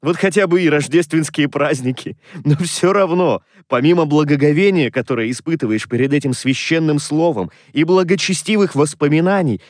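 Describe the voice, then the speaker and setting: In this audiobook, a cheerful young man speaks brightly and eagerly, voiced by a man. The voice is pitched clearly higher than the reader's own, and the dry, close sound has no room around it. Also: no room sound, lightly acted. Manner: lively, cheerful, pleading. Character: cheerful, warm-hearted young man, a nephew. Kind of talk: audiobook character reading.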